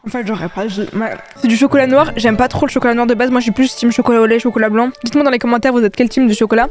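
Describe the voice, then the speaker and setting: A woman's voice: a little high, steady tone, very fast, music in the background. A young woman YouTuber chatting casually to her viewers, full of fillers and sudden exclamations. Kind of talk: casual vlog chat answering viewer questions.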